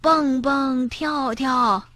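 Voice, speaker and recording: A gentle old grandmother bear, played by a woman in a storybook reading. She speaks softly and very slowly with a breathy hush. The reading is close and dry. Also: a little high, no room sound, exaggerated voice. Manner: slow, soft, gentle.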